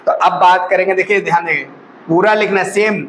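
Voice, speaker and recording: A man's voice: high-pitched, steady tone, fairly quick, a bit bright, slight background noise, low-quality recording. A male maths teacher explaining a lesson to students. He asks them questions and answers them himself, and calls them brother or child.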